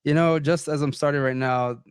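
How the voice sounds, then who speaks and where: A man's voice: on the high side, steady tone, brisk, clear, resonant tone, no echo, studio quality. Rambling man host with stuffy sinuses. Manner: rambling, hesitant with many fillers. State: congested sinuses. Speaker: podcast host. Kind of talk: casual chat, reading news.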